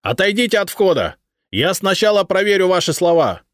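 Brief: a man playing a dogged guard sergeant, loud and stubborn, pitched high, dry sound. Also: sing-song, fairly quick, no echo. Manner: shouting, stubborn.

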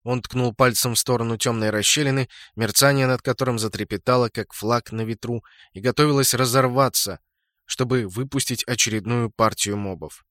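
A man narrating a first-person game-world story in an even storytelling manner. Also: medium pitch, normal speed, no room sound, studio quality. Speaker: audiobook narrator.

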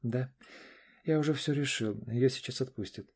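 A man doing a brisk, businesslike lawyer. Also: medium pitch, a little mellow, husky, voice pushed up. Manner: matter-of-fact. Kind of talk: audiobook reading.

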